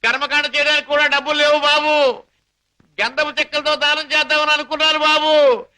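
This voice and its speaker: A man's voice: very high-pitched, flat delivery, a little fast, pushed and bright, heavily acted. A wily male pickpocket. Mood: fake mourning. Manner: boastful patter, staged melodramatic wailing. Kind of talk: 1980s film acting.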